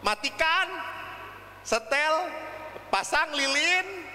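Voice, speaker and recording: Lively high-voiced man preaching in a hall. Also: drawn-out words. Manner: animated storytelling, acting out voices. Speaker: priest. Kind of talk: seminar sermon with anecdotes. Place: seminar hall. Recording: hall reverb with faint background noise.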